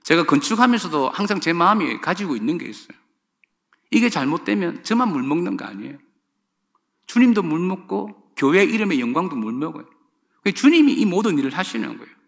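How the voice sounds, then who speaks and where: Male pastor, middle-aged, sermon; high, animated, bright delivery. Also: brisk, gravelly. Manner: emphatic preaching, addressing the congregation directly. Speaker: senior pastor.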